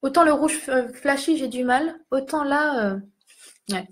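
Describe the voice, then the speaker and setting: A young beauty vlogger speaks in a high, unhurried voice. She chats casually through a makeup tutorial, poking fun at herself and talking to her viewers while putting on lipstick.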